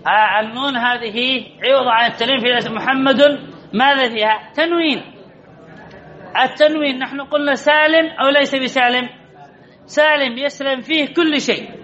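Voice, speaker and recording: A man's voice: very high voice, sharp tone. A man teaching a grammar lesson to a class, drilling points over and over and calling on students by name with teasing remarks. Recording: dull lo-fi recording.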